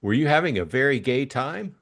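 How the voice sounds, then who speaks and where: Acting in a classic mystery audiobook, a man plays a simple-hearted, upper-class young Englishman who is eager to please. He gushes and rambles in breezy slang with very lively pitch swings, talking a little fast in an eager, delighted mood.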